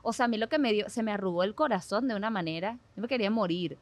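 A young woman with a Venezuelan accent, co-hosting a podcast and telling a personal story in an expressive, chatty way, full of "o sea.". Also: medium pitch, fast. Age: young adult. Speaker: podcast co-host. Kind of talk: casual chat.

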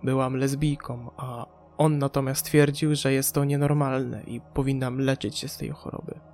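Haunted withdrawn woman of forty remembering awful stuff, guy reading it, soft music under. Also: medium pitch, flat delivery, moderate pace, natural voice. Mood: haunted, pained. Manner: withdrawn, pained recollection. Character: haunted woman of forty, former asylum patient.

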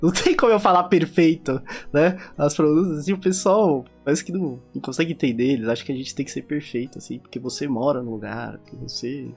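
A man's voice: on the high side, fast, creaky, slightly rough, faint music behind. A man from Brazil with a Brazilian accent, hosting a podcast in easygoing, slangy conversation. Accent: Brazilian Portuguese. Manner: easygoing, conversational, uses slang like "mano" and "tá ligado". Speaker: podcast host.

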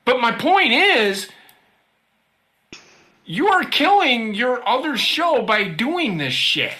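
A woman's voice: on the high side, big pitch swings, slow pace, bright, forceful tone. A woman co-hosting a podcast, ranting heatedly and swearing freely in casual chat. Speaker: podcast co-host.

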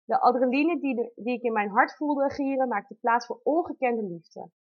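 A woman in her thirties reads a personal letter aloud with intimate tenderness. Her voice sits a little high, and the recording sounds somewhat dull and lo-fi. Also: moderate pace. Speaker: mother telling her birth story.

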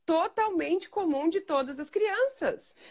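A woman hosting a casual live chat about parenting, talking fast and acting out the things she and her young daughter say to each other. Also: very high-pitched. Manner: fast, animated, acts out talks with her daughter. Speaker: host.

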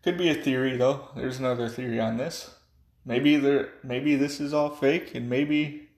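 Rambling tipsy man, gravelly voice. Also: mid-range voice, roomy sound. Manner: rambling, offhand, swings between loud and mumbled. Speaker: vlogger. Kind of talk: rambling casual monologue.

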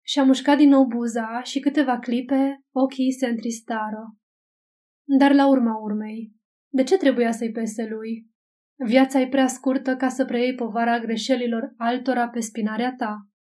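Mellow-voiced woman narrating a novel. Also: on the high side, fairly even intonation. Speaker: audiobook narrator. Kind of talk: scripted literary narration.

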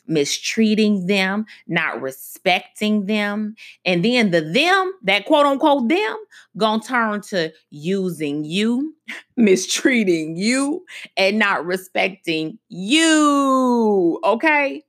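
A woman hosting a faith-based radio talk, preaching conversationally and slowing down for emphasis. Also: medium pitch. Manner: conversational preaching, slows down for emphasis, frequent asides. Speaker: radio show host.

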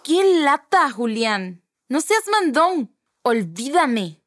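A woman's voice: high-pitched, very animated, a little slow, no echo, studio quality, soft background music. A woman playing an irritated younger sister in a language-lesson dialogue, brushing off her brother's demands. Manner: irritated, dismissive. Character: annoyed younger sister, girl, stubborn.

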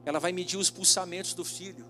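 A male pastor preaching a sermon, telling a story dramatically and slowing down for emphasis. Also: high-pitched, fairly even intonation, sharp tone, a little hiss or hum.

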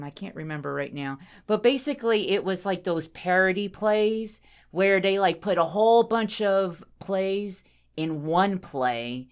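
A woman's voice: lowish voice, clean tone. A woman co-hosting a podcast in casual chat, easily amused and laughing often. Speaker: podcast co-host.

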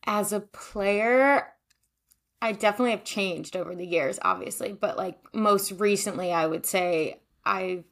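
A woman's voice: mid-range voice, a little slow, fairly bright tone. A young woman from Maryland, a former goalkeeper, answering interview questions in a chatty way with many fillers and laughs. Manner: chatty, many likes and ums, laughs often. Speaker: podcast guest, former goalkeeper.

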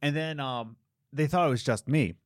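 A man hosting a podcast in casual chat, lively and quick to laugh. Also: mid-range voice, no echo, clean studio sound. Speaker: podcast host.

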